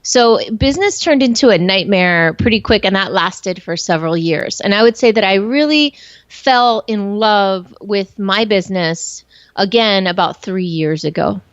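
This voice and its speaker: A woman's voice: mid-range voice, animated, unhurried, no room sound. Candid woman in her forties, muffled recording. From born in Colombia, raised in the United States. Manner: reflective, candid, with frequent fillers. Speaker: guest entrepreneur. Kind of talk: candid interview conversation. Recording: slightly muffled, dry recording.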